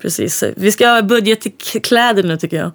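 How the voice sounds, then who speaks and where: Touring band musician, from southern Sweden, casual interview chat, laughs often, soft trailing asides. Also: medium pitch.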